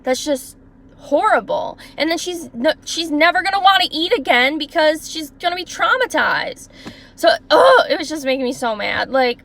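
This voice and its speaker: Young woman, fairly high voice, passionate story-time vlogger, indignant and talkative. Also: animated, moderate pace, vocal fry, a bit bright. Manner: acts out her boss and others in quoted voices.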